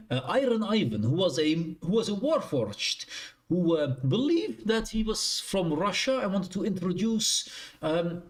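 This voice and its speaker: Speaking in a slightly mellow voice on the high side, a young Dutch man with a Dutch accent chats casually with his live-stream audience from a shared living room. He rambles and corrects himself as he goes.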